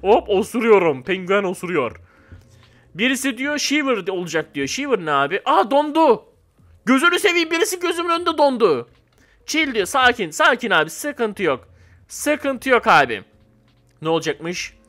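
Excitable young man gaming, bright voice. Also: extremely high pitch, moderate pace. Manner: excitable, swings from shouting to mock-calm mumbling. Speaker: gamer. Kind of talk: casual gameplay commentary.

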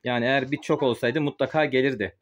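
A man's voice: medium pitch, fairly even intonation, fast. A man speaking through a face mask, slightly muffled, explaining informally as he works and films a casual poultry-keeping vlog. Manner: explains informally while working with a sprayer. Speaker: host of a poultry-keeping channel. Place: small wooden chicken coop. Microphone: handheld phone camera, held while working.

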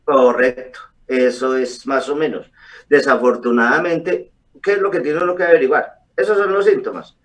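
A middle-aged man, a doctor, explaining calmly over a video call with frequent hesitations. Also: mid-range voice, normal speed. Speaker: doctor guest. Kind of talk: explanatory interview answers. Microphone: webcam on a video call. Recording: distant video call audio.

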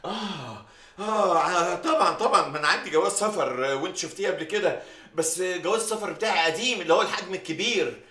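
A man's voice: sits high, very fast, sharp tone, far from the mic. An actor playing a bumbling middle-aged man in an Egyptian Arabic sitcom, stammering through rambling excuses. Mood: evasive. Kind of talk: sitcom acting. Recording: roomy set, voice from off-mic.

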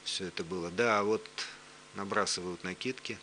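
A man's voice: deep voice, steady tone, normal speed, sharp tone. A man speaking as an expert guest, giving matter-of-fact explanations in unscripted live commentary. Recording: faint hum and background noise.

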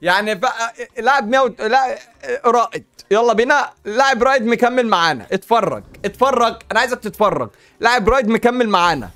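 A man with an Egyptian accent giving casual, excitable gaming commentary as a YouTube host. He chats to his viewers and pleads with the game as he plays. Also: extremely high pitch, fast talker, hardly any pauses, dry recording. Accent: Egyptian Arabic. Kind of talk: casual gaming commentary while opening packs.

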